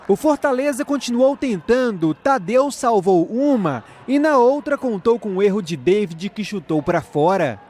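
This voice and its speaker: A Brazilian man narrating scripted football highlights. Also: sing-song, moderate pace, few pauses, darkish tone, a little hiss or hum. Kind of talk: scripted sports recap.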